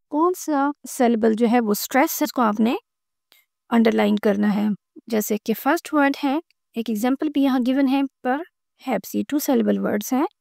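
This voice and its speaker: A woman explaining a school textbook lesson, reading the English lines slowly and then explaining them in Urdu. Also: on the high side, vocal fry, darkish tone, dry recording, studio quality. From Pakistan. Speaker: teacher.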